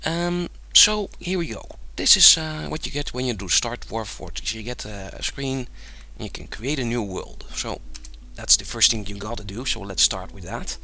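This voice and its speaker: A young man with a Dutch accent, from the Netherlands, casually narrates a game tutorial on screen, his medium-pitched voice moving at normal speed with few pauses. He rambles in a relaxed way, using many fillers and laughing lightly often.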